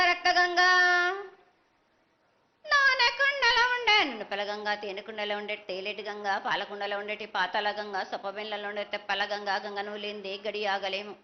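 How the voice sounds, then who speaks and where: A woman's voice: high voice, dull audio. A woman oracle delivers a ritual invocation in short declamatory phrases, chanting in a prophetic, trance-like voice.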